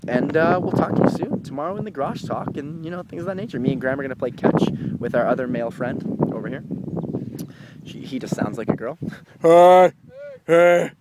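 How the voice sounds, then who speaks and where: Young guy rambling excitedly about his weekend, lots of background noise. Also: mid-range voice, fast talker. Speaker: co-host. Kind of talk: casual vlog chat.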